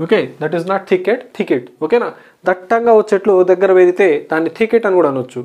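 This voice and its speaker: This is a recorded vocabulary lesson led by a female teacher with a Telugu accent. She speaks at a medium pitch in a mellow voice, taking English words slowly, spelling them out letter by letter, and checking often that her students keep up.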